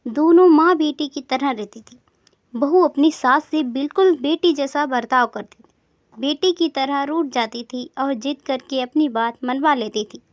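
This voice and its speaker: A woman storyteller with a high voice, reading in a steady, even way. The recording is dry and close, with a slightly dull, muffled tone. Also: no room sound. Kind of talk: storybook narration.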